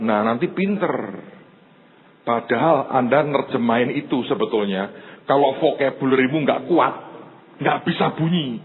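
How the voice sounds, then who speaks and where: A male pastor, preaching in an animated storytelling way, acting out the people in his stories and often turning to the congregation. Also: a little high. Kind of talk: sermon storytelling. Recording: tinny phone-like sound with faint noise.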